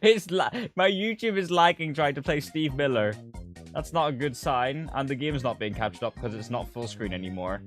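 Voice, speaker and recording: A man's voice: medium pitch, expressive, moderate pace, faint music behind. A young man streaming live to his chat over a headset mic. He talks casually, swears freely and speaks straight to his viewers.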